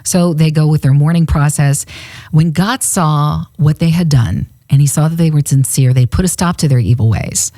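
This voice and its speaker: Her voice sits low and warm, moving at a moderate pace with no echo around it. She's a radio and podcast co-host on a faith show, laughing frequently and chatting casually while she retells a Bible story into a studio microphone.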